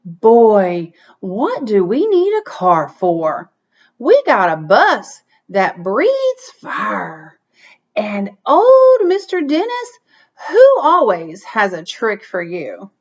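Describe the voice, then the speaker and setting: Woman reader as storybook grandma: folksy, firm, upbeat and wise, slow delivery, muffled sound. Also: mid-range voice, wildly swooping pitch, full character voice. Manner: folksy, instructive.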